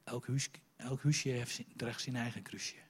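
A middle-aged man preaching a sermon, telling stories in an animated, emphatic way. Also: medium pitch, unhurried, breathy edge. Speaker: pastor.

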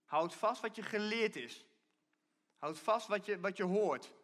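A preacher with a high, fairly bright voice delivers a conversational sermon from a church stage at an unhurried pace, frequently restarting and repeating himself as he explains.

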